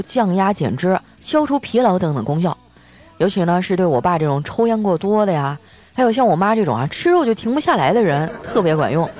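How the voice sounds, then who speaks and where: Young woman host, chatty comic storyteller, very lively pitch, faint music behind. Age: young adult. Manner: animated, self-mocking, chatty. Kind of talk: comic storytelling monologue with ad reads.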